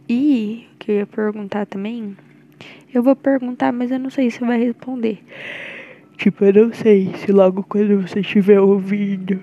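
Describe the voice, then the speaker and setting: Young Brazilian woman, mellow tone, rambling and nervous personal message. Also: mid-range voice, dull audio. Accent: Brazilian Portuguese. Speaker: girlfriend recording a voice message.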